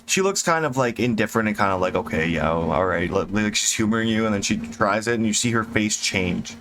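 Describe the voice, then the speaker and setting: A man running a tabletop game as game master, narrating in a relaxed, conversational way. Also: on the low side, fast talker. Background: background music.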